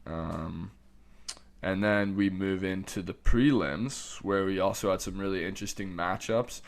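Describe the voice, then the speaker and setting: A Canadian man co-hosts a podcast, chatting about fight results in a casual yet analytical way and often trailing off softly. His voice is low-pitched and steady, and his pace is measured.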